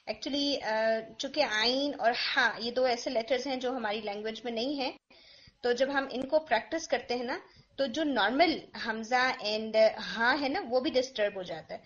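A woman teaches Quran recitation in an online lesson, pausing to slowly model each word. Her voice sits a little high. The call audio is muffled and lo-fi. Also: fairly bright tone. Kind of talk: online tajweed correction lesson.

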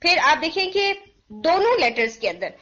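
A woman teaching recitation, demonstrating each sound slowly and mixing in English phrases, with a sore throat that she keeps clearing. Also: extremely high pitch, big pitch swings, a bit bright, lo-fi sound. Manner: mixes English phrases into Hindi-Urdu. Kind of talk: pronunciation lesson.

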